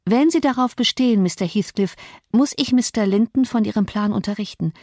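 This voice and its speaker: A woman narrating an audiobook in a measured, reflective way, close to a studio mic. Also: medium pitch, darkish tone, no room sound.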